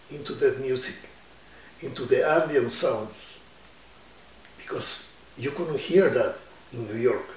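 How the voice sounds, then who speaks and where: The speaker is an Ecuadorian musician in his 70s with a medium-pitched voice, slow and reflective as he tells stories for an oral history interview and gestures with his hands. The setting is an indoor room with guitars on its walls, captured with a roomy, distant-mic sound.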